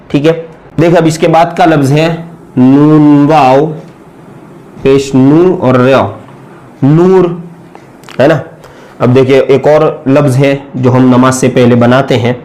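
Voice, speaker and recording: A man giving a patient, step-by-step lesson on writing letters, drawing out each sound slowly and often checking in with the viewer. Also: a little high, a little mellow. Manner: frequent check-ins with the viewer. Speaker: Urdu writing teacher.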